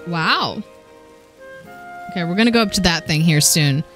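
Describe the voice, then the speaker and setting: A woman's voice: lowish voice, lively intonation, moderate pace, a bit bright, soft background music. A young woman casually chatting and giggling while streaming a video game, sometimes reading in-game dialogue aloud.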